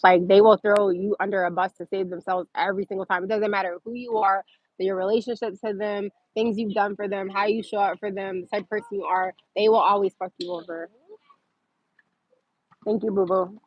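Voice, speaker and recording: A woman's voice: mid-range voice, no room sound, dull audio. A woman hosting a casual livestream, reading viewer comments aloud and answering them with sarcasm and laughter.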